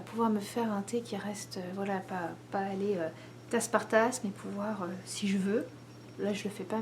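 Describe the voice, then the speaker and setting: A woman, likely in her thirties, chatting casually to the camera at home as host of a knitting video, pausing often with many fillers. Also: mid-range voice, a little mellow, slight background noise. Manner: hesitant, many pauses and fillers.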